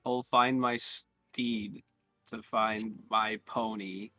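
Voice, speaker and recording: A young man playing a tabletop game, talking hesitantly with many pauses and restarts. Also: lowish voice, flat delivery, sharp tone, faint music behind. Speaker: player. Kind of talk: casual chat.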